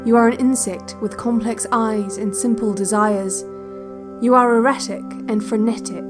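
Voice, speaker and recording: Playing the narrator of a relaxation tape in an audio drama, a woman with a fairly high pitch close to an everyday voice leads a slow guided visualization over a music bed. The scripted second-person narration is calm and hypnotic, delivered in short, spaced sentences in a measured, deliberate, instructional way.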